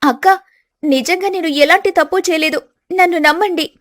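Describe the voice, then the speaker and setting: A woman's voice: very high-pitched, moderate pace, a bit bright, voice pushed up. A woman voicing an innocent, pleading young daughter-in-law in a storybook tale. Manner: pleading, earnest.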